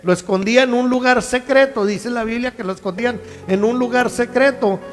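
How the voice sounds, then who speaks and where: A man with a strikingly high voice preaching a sermon in a relaxed, conversational way. He keeps asking the congregation whether they follow him. His voice rings with the long reverb of a large hall, and faint music plays underneath. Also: a little fast. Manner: conversational preaching with many rhetorical questions. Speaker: pastor.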